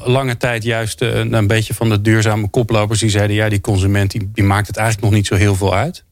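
A man moderating a panel discussion, asking quick probing follow-up questions. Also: on the low side, level tone, dry recording, studio quality.

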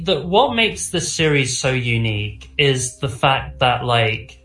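A man talking casually about films with rambling, animated enthusiasm, as a host does. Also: medium pitch, roomy sound. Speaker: film discussion host. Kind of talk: casual enthusiastic film chat.

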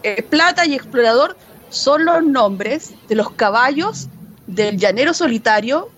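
A woman's voice: high voice, a little slow. A woman co-hosting a podcast who chats casually about film and history, telling stories with animation and laughter. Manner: animated, laughing storyteller with many restarts. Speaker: podcast co-host.

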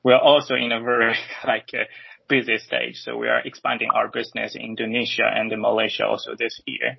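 A man's voice: medium pitch, level tone, brisk, gravelly, slightly rough, no room sound. A man, a recruiter, introducing himself modestly on a podcast, laughing a little as he speaks. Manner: modest, laughing, simple phrasing. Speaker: guest, talent acquisition partner. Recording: dull lo-fi sound, very dry.

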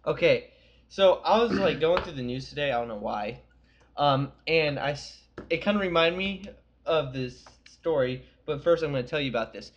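A man's voice: on the high side, expressive, normal speed, lo-fi sound, slight background noise. A young man co-hosting a podcast, telling rambling, profane stories in casual chat. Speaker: podcast co-host.

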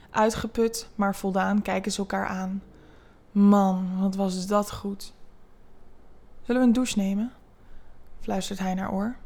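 A woman narrating a scripted erotic story in a calm, level, unhurried reading manner. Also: mid-range voice.

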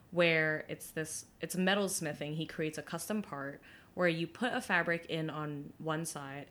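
A woman's voice: deep voice, fairly bright tone, a little hiss or hum. A young woman from Brooklyn, a guest in an interview, telling her story in a chatty way with many fillers and restarts. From Brooklyn, New York.

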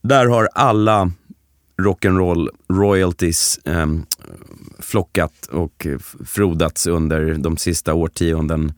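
Podcast co-host, man, very low voice, unhurried storyteller, dry recording. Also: no room sound. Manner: halting, relaxed storytelling. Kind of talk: casual chat.

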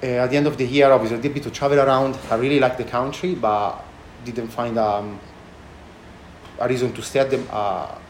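A man with a thick Italian accent giving casual interview answers in halting, non-native English phrasing. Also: mid-range voice, fairly even intonation. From Italy. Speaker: chef and restaurant owner being interviewed. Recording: echoey room with background noise.

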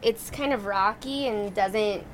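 A woman with a medium-pitched voice chats casually as an interviewed business owner. Background noise from the location is clearly audible. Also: slow. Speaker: family farmer and business owner being interviewed. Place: on location at a distillery.

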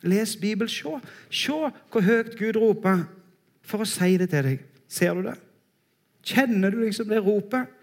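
A man preaching a sermon in a church, earnest and emphatic, slowing down on his key phrases. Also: high voice, expressive.

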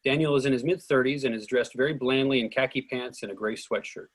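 A man reads a script's stage directions in short, declarative sentences. His medium-pitched voice is husky and slightly rough, and he talks fast.

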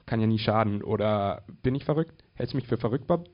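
A man's voice: on the low side, expressive, fairly quick, natural voice. A man voicing a cold, mysterious nameless businesswoman who questions insistently. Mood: urgent. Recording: dull lo-fi recording.

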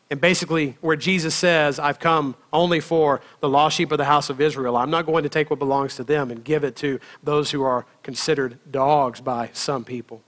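A man preaching a sermon in a conversational way, often checking in with his listeners and laughing as he tells stories. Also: a little high. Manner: conversational, asks the congregation "right?" often; lively storytelling, laughs between phrases. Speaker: pastor.

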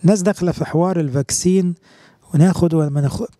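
Egyptian priest preaching in a mellow voice. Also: male voice, on the high side, fairly even intonation, very fast, no echo. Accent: Egyptian Arabic. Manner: colloquial, conversational preaching with rhetorical questions. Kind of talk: sermon.

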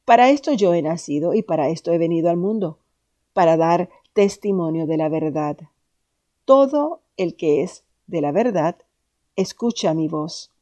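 A woman voicing a calm, solemn male prophet on trial, speaking in a measured way. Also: lowish voice, lightly acted.

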